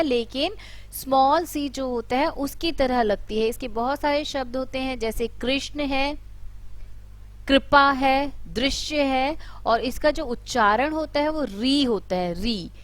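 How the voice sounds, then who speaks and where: A woman teaching letters, explaining step by step and drawing out each example word slowly and loudly. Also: sits high. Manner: drawn-out, loud example words. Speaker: Hindi teacher. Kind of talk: explanatory lesson.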